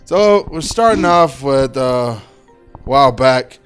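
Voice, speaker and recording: A man's voice: mid-range voice, animated, slow pace, clean tone, soft background music. A man co-hosting a podcast, chatting casually and joking with friends. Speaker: podcast co-host. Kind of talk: casual banter.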